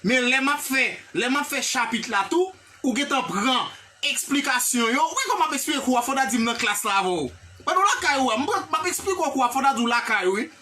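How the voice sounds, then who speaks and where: An English teacher with a Haitian accent giving a live online lesson, animated and repetitive, often checking in with the class and praising viewers by name. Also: high voice, moderate pace, recorded from a distance. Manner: animated, repetitive, checks in with "hein?" and "vous comprenez?".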